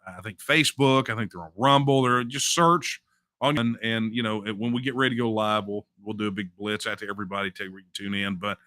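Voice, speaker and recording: Middle-aged guy hosting a late night stream, punchy bright voice, dry close mic, lots of uh's and snarky comebacks. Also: on the low side, fairly even intonation, fast talker, no echo. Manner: wry, mocking asides, frequent "uh" fillers. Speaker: host. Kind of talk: casual livestream talk reading viewer messages.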